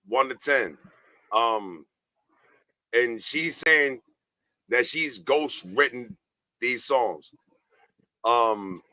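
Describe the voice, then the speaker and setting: A man's voice: medium pitch, pushed and bright, no echo, rough recording. A man hosting a music rating show in a casual, slangy livestream chat style. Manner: slangy, informal.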